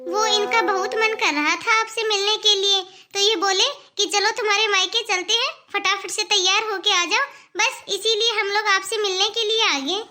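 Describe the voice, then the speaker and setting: Woman voicing a young cartoon daughter, anxious, very high, bright. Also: steady tone, moderate pace, hardly any pauses. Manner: anxious, pleading. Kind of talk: cartoon dubbing.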